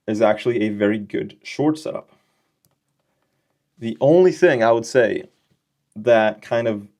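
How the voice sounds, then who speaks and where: With a lowish, slightly mellow voice, a young man teaches trading over his screen. He keeps it loose and conversational, cracking slangy jokes and regularly checking in with his audience.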